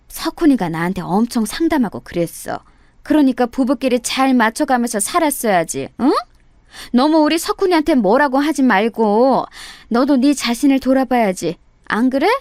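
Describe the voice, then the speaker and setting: A woman's voice: high-pitched, expressive, moderate pace, darkish tone, no echo, clean studio sound. A woman voicing a rude older mother-in-law who grumbles and coaxes with excuses. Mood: wheedling. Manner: grumbling, coaxing.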